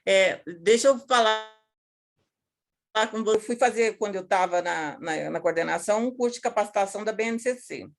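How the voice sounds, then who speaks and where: A woman educator talking casually to teachers over a video call, lively and colloquial, acting out the scenes she tells. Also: mid-range voice, moderate pace, gravelly. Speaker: educator giving a talk.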